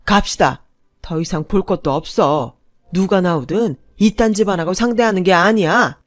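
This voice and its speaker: A woman's voice: lowish voice, normal speed, no echo, clean studio sound, natural voice. A woman voicing a proud, domineering older father who bellows harshly at his son. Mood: angry bellowing.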